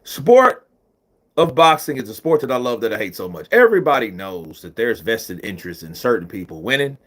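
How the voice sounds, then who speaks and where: A man's voice: mid-range voice, sing-song, a little fast, fairly bright tone. A man hosting a boxing livestream, chatting casually, reading out and thanking viewers by name.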